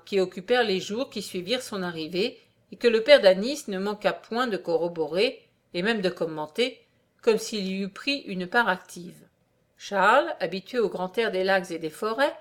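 A woman reading an old-fashioned story aloud in a measured, formal way. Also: medium pitch. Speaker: reader.

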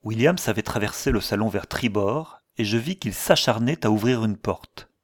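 A man with a fairly low voice reads a story aloud as an audiobook narrator. His narration is measured and steady. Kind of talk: scripted narration.

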